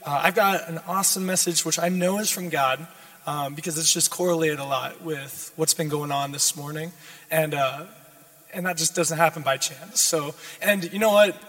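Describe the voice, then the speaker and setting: A young man from Minnesota preaching a sermon in a hoarse voice, earnest and exhorting, with informal check-ins. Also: a little high, moderate pace, a bit bright. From United States, Minnesota. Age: young adult. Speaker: guest preacher. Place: large church sanctuary, speaking to a congregation. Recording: reverberant church sanctuary.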